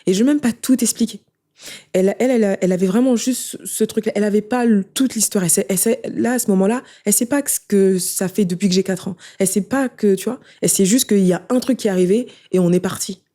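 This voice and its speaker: A woman's voice: mid-range voice, dark tone. A young woman telling her own story in an interview, emotional and conversational, often turning to the listener. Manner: rapid, emotional, conversational, addresses listener with "tu vois". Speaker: guest sharing her life story. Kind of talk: casual spoken testimony.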